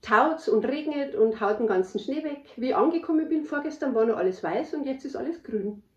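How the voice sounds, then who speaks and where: A Bavarian woman hosting a knitting chat in a high voice, speaking up loudly. She is recorded indoors on a camera mic, so her voice sounds roomy and muffled. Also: lively intonation, fairly quick. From Bavarian Forest, Germany. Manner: chatty, laughs often, talks loudly. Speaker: podcast host. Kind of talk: casual chat. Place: indoors at her parents' house. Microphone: camera microphone.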